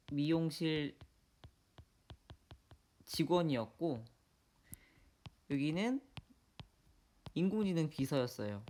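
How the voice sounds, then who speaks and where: A woman's voice: low-pitched, a little mellow. A woman professor giving a university lecture, asking her students questions directly.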